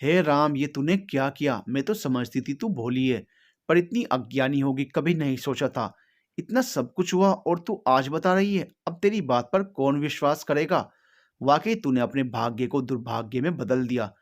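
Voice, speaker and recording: A man's voice: medium pitch, normal speed, close to an everyday voice. A man voicing a worried older village mother who pleads and scolds. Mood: scolding.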